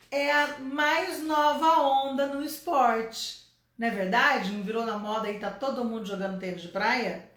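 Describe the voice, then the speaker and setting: A woman's voice: on the high side, echoey room. A woman from Brazil teaching a casual online English lesson, explaining step by step and checking in with her listeners often.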